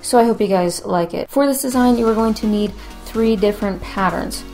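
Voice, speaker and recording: A woman's voice: medium pitch, brisk, mellow, soft background music. A woman narrating a craft tutorial as its host, in an informal, conversational way.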